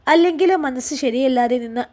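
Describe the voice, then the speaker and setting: A woman narrating a serialized family story in a steady, emotive reading. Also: high voice, brisk.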